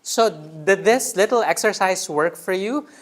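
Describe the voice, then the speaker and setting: A man's voice: high voice, lively intonation, a little slow. A man training a writing workshop in a room, teacherly, repeating key words and checking in with the group. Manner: teacherly, checks in with "right?" often.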